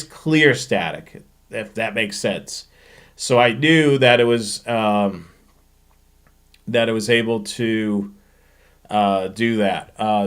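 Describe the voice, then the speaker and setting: The host of a railfanning live show, a man with a mid-pitched, smooth voice, runs a relaxed live stream. He answers questions informally, walking through technical points and thinking out loud as he goes.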